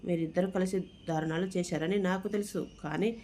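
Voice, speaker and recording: A storybook narrator voicing a hot-tempered young man who shouts in outrage, in a mellow, dark voice. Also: medium pitch, fairly even intonation, moderate pace, a little hiss or hum, lightly acted. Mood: outraged.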